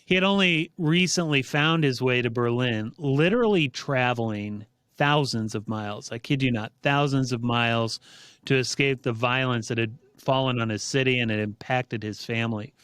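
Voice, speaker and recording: A man hosting a podcast, telling a story in an earnest, measured way before introducing his guest. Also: medium pitch, fairly bright tone, clear, resonant tone, no echo. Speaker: podcast host. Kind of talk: reflective monologue and interview intro.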